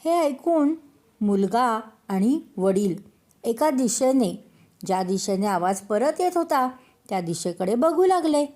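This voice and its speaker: An older woman, a storyteller grandmother, telling a children's story in a slow, gentle way and speaking straight to the kids. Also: fairly high pitch, big pitch swings.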